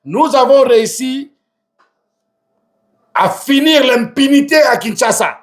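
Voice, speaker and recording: A man, a guest in an interview, talking with passion and rising to shouts when worked up. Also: extremely high pitch, animated, takes it slowly. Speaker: guest, self-described resistance fighter and activist artist. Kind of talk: impassioned interview talk mixing two languages.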